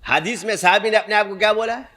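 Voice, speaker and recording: A man's voice: high voice, bright, forceful tone. A man preaching a sermon, scolding and emphatic, who keeps asking rhetorical questions and answering them himself.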